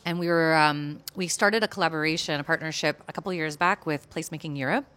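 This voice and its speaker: Chatty American woman, bright tone. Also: deep voice, fast talker. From United States. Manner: chatty, many fillers and restarts. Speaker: guest speaker at an urban planning event. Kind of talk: conversational panel talk.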